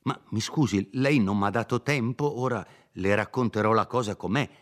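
An honest young village man, as a male reader acts him out pleads earnestly and hurries his words, pitched higher than the narration. He comes from a storybook reading of a classic novel. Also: moderate pace, natural voice. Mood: pleading.

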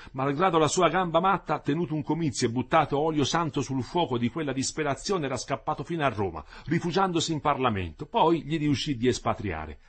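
Husky expressive male reader. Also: on the high side. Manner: expressive, dramatic reading. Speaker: narrator. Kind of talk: audiobook reading of a novel.

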